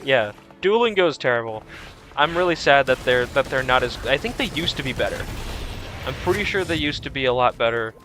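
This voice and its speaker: A man's voice: medium pitch, expressive, brisk, fairly bright tone, soft background music. A young man streaming a video game, chatting in a rambling, easygoing way with lots of restarts. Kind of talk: casual chat while streaming a game.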